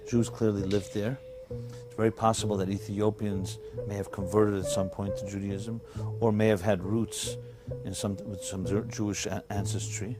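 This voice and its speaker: A man in an interview explaining history in a measured, thoughtful way. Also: fairly low pitch, level tone. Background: guitar music.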